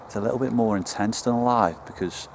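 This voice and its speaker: A man's voice: medium pitch, fast, creaky, a little hiss or hum. A man with a Liverpool accent investigating the paranormal, calling out to spirits and talking uneasily to camera, outdoors in woods at night. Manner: hushed, uneasy. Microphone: handheld camera.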